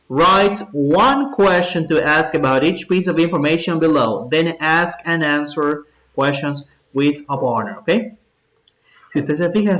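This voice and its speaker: A man, his voice sitting a little higher than most men's. He walks learners through an English lesson in both languages, patiently and step by step, checking in with "ok?" after each point. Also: fairly bright tone. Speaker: English teacher. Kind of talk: bilingual classroom lesson.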